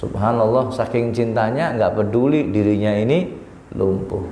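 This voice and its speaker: A man's voice: normal speed, warm tone, a little hiss or hum. Male preacher, dramatic sermon storytelling with voiced quotes, recorded in a reverberant hall. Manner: dramatic, acts out quoted lines with rising pitch. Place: large hall at a religious gathering. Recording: echoey hall with long reverb.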